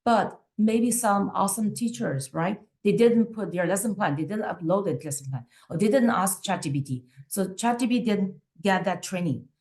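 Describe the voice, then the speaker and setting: Over a video call, a non-native English-speaking woman gives a webinar-style teaching presentation, talking conversationally, pausing on fillers and frequently checking in with "right?". Her mid-range voice is expressive with a darkish tone.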